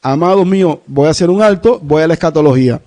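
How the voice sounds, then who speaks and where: A Cuban pastor preaching a sermon in an emphatic, rhetorical way, slowing and speeding up to stress points. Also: male voice, a little high, warm tone. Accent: Cuban Spanish. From Cuba. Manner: emphatic, rhetorical, shifting pace.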